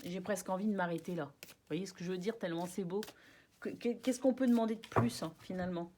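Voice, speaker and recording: A woman's voice: fairly low pitch, quick pace, slight background noise. A French-speaking woman doing a casual tarot card reading for her viewers, chatty and reassuring, with many hesitations and restarts. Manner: soft, reassuring.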